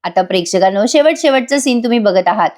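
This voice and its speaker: A woman's voice: medium pitch, expressive, fast talker, a little mellow. A woman giving a chatty voice-over recap of a TV serial episode, talking straight to her viewers. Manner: chatty, amused, addresses viewers. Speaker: serial reviewer.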